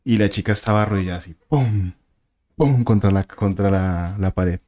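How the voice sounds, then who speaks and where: Low mellow-voiced man telling a story. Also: normal speed. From Colombia. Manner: vivid storyteller who acts out voices and sounds. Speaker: guest. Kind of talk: casual storytelling of a paranormal experience.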